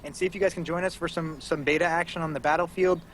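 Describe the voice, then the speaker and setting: Man, podcast co-host, high voice, animated and laughing, noisy call audio. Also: fast. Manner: animated storyteller, laughs often. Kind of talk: casual chat over a call. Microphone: video call.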